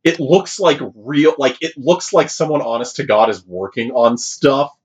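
A man co-hosting a casual movie podcast, animated, jumping into high mock voices for quotes. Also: normal speed, slightly rough, highs cut off. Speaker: podcast co-host.

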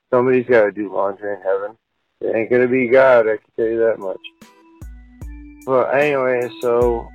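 A man's voice: medium pitch, no echo. Drunk man on a dull landline voicemail. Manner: rambling, crude, meandering. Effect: heard over a phone line as a voicemail. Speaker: voicemail caller. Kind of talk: phoned-in voicemail rant.

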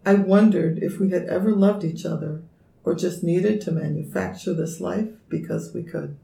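A woman reading her own poem aloud in a measured, somber way. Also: lowish voice, creaky, mellow. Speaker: poet reading her work. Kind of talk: poetry reading. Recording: echoey room.

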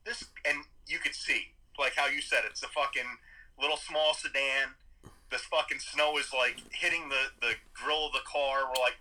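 Man with a bright, forceful voice. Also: mid-range voice, normal speed, low-quality recording. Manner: animated, profane storytelling. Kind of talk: casual chat.

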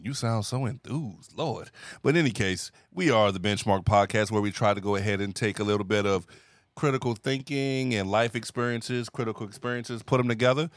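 A man's voice: fairly low pitch, fairly quick, no echo, clean studio sound. A man hosting a podcast in a casual, talkative chat, laughing easily. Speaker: podcast host.

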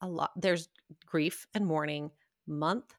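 A woman's voice: sits low, slow pace, no echo, studio quality. A woman in her forties hosting a podcast, chatting casually and asking reflective questions. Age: 40s. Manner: warm, reflective, asks open questions. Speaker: podcast host. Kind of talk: casual interview conversation.

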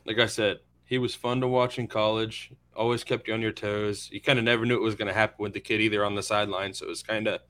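A man's voice: on the low side, flat delivery, quick pace, few pauses, sharp tone. A man in his thirties from central Florida with an American accent, chatting casually about sports as a panelist. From central Florida, USA. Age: 30s.

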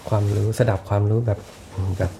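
A middle-aged man talking as a podcast guest in a reflective, unhurried way, often restarting and repeating words. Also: mellow, slight background noise. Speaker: podcast guest, architect and teacher. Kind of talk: casual podcast conversation.

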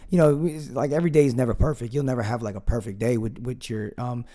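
Young man, podcast guest, mellow dark voice, rambling, earnest. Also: mid-range voice, fairly even intonation, fast. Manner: rambling, filler-heavy, earnest. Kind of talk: casual conversation.

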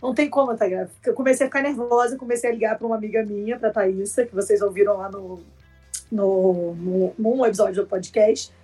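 Podcast host lady, chatty, talks right to listeners, husky voice, a bit far from the mic. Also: medium pitch, fairly even intonation, fast, dark tone, faint music behind. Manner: chatty, addresses listeners directly. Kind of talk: casual storytelling chat.

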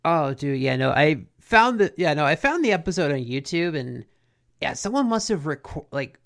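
A gravelly man co-hosting a podcast, talking in a loose, slangy, laid-back way. His voice has a rough, fried edge, and he chats casually as he recaps a cartoon episode. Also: a little high, sing-song, fairly bright tone. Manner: laid-back, slangy, drawn-out dude talk. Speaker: podcast co-host.

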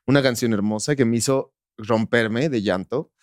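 A man's voice: medium pitch, normal speed, dry recording. Mexican male guest, casual storyteller who acts out quoted lines, mid-range voice, dry studio sound. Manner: animated, acts out quoted dialogue.

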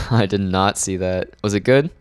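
A young man, a guest on a casual podcast chat, laid-back and joking, often trailing off quietly. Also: on the low side, unhurried, clean tone, dry recording.

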